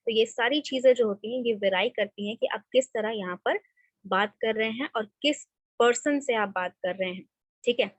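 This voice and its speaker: A woman's voice: on the high side, moderate pace, dry recording, lo-fi sound. A woman college lecturer teaching an online class, mixing in English and often checking "theek hai". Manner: explains in Hindi mixed with English, often adds "theek hai". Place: home or office desk, online class. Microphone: computer mic, screen share.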